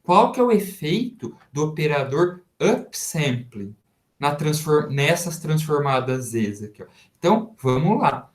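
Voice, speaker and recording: Slow Brazilian professor in an echoey room. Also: male voice, a little high, big pitch swings. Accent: Brazilian Portuguese. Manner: slow step-by-step explaining with rhetorical questions to students. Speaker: university professor. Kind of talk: recorded math lecture. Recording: roomy echoey sound.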